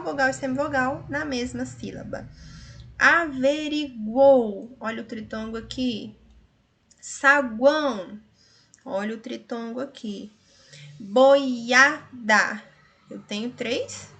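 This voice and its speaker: A woman's voice: fairly high pitch, vocal fry, a bit bright. A woman teacher with a Brazilian Portuguese accent, working through grammar exercises and stretching out each word she analyzes. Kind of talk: grammar lesson solving exercises.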